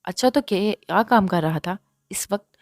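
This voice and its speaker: Woman reading as a brisk young businessman. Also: mid-range voice, a little mellow, dry recording, studio quality, natural voice. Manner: short firm questions.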